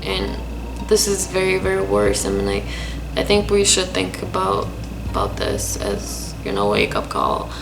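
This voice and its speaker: A young woman from Lebanon earnestly telling a personal story in a vlog, pausing often with hesitant fillers. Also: on the low side, sing-song, gravelly, rough recording. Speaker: vlogger. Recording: music playing behind.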